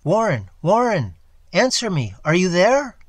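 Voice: medium pitch, huge pitch swings, measured pace, no echo, pitched above the performer's own voice. A storyteller playing an anxious, loyal man who calls out urgently to his lost friend. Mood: desperate calling.

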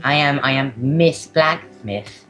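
Man putting on a lonely blacksmith, slowly reading a diary. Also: medium pitch, fairly bright tone, faint music behind, pitched above the performer's own voice. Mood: confiding, troubled. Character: sad, lonely blacksmith's diary, read aloud melodramatically. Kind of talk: improvised video game role-play.

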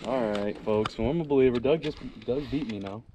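A man's voice: mid-range voice, brisk, background noise. A man chatting and teasing his fishing partner while he fishes from a boat on a lake, filmed on an action camera. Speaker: fishing vlogger. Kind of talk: casual chat while fishing.

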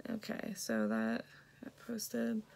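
A woman's voice: mid-range voice, sing-song, slow pace, creaky, darkish tone. A young woman with a congested voice, chatting casually through a makeup vlog with lots of ums and likes. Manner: rambling, many ums and likes. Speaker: beauty vlogger and product seller.

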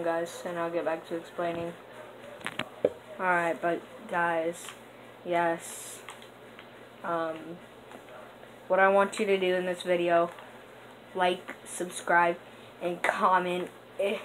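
A young woman talks through her gameplay slowly and loosely, with a slightly low voice. She wanders between thoughts with lots of fillers. Clear background noise runs under the recording. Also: rough recording. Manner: rambling and hesitant, with many fillers; bursts into excited gasps during play. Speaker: gaming channel host. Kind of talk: casual gameplay commentary.

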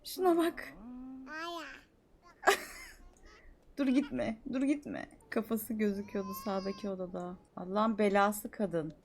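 A young woman streaming a life-sim game, chattering excitedly, scolding the characters and swinging from mutters to shouts. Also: medium pitch, a little slow, slight background noise. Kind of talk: live gameplay commentary.

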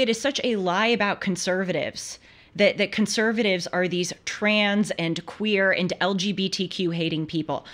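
A young woman in her twenties delivers opinion commentary as a talk show host. Her voice sits at an ordinary middle pitch, and she talks emphatically and argumentatively, often restarting phrases. It is recorded in a studio. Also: fairly bright tone. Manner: emphatic, argumentative, with frequent restarts and brief laughs. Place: studio with purple lighting.

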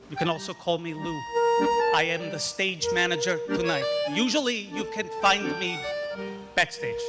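An actor playing a gentle old-world stage manager, who introduces a story in measured, theatrical narration. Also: male voice, sits high, long reverb tail.

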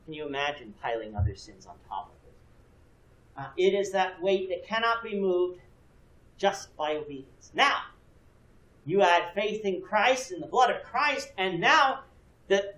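A man's voice: high-pitched, very animated, a little slow, fairly bright tone. A man in his thirties teaching a church Bible class, explaining earnestly and putting questions to his students. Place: church classroom with a projection screen. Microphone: far camera, no visible mic. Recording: echoey room from a distance.

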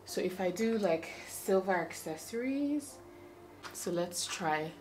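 A woman's voice: fairly low pitch, expressive, takes it slowly, a little mellow, faint music behind. Chatty young woman vlogging. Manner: chatty and self-questioning, thinking aloud. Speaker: lifestyle vlogger. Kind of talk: casual chat to camera. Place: bedroom indoors. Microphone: camera close up.

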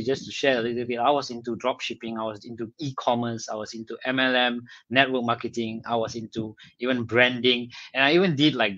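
A man's voice: medium pitch, a bit bright, highs cut off. A man as an interview guest, upbeat and casual, using easy fillers like "you know". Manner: upbeat, hypes with whoops, conversational fillers.

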